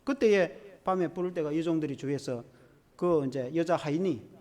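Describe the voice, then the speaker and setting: A male pastor, preaching a sermon in an animated, storytelling way. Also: on the high side, moderate pace, long reverb tail. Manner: animated storytelling with acted-out quotes.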